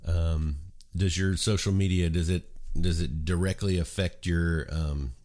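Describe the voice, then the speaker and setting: Hosting a casual morning chat show, a man with a deep voice talks a little slowly, his nose slightly blocked from a cold. His relaxed, wandering style is packed with ums and uhs.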